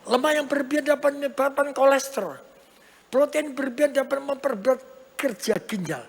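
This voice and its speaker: A woman's voice: sits high, brisk. Emphatic woman preacher. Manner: emphatic, repetitive, with rhetorical questions. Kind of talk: sermon. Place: large church hall. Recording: church hall reverb.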